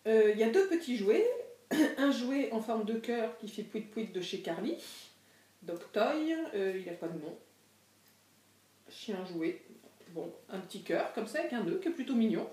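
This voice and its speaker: A woman's voice: on the high side, animated, a little slow, long pauses, dark tone. A woman chatting casually through an unboxing, hesitant and full of fillers and self-corrections. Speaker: pet product reviewer. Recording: echoey room, voice from a distance.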